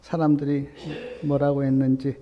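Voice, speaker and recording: A male pastor preaching a sermon, swinging between soft, low asides and loud, emphatic appeals. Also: monotone, moderate pace, highs cut off. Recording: long reverb of a church hall.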